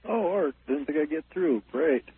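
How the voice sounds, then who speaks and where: A man's voice: fairly high pitch, lively intonation, normal speed. Faint male caller, phone held away. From California. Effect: phone held away from the mouth, faint and distant. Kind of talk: call-in radio chat. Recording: tinny dry phone line.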